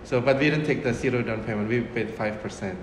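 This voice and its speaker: A man in his fifties, originally from Indonesia, a restaurant owner speaking in a casual interview, unhurried and full of fillers and restarts. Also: mid-range voice. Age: 50s. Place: restaurant dining room, indoors. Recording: roomy echo with room noise.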